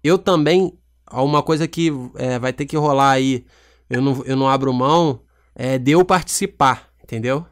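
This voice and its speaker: A young man with a Brazilian accent rambling through a joking pitch for a film in a prank phone call. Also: normal speed, smooth. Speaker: YouTuber.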